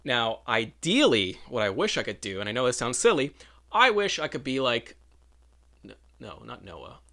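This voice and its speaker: A man's voice: mid-range voice, big pitch swings, normal speed, bright, forceful tone. A man talking in a casual, rambling monologue, often correcting himself and adding wry asides. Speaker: vlogger.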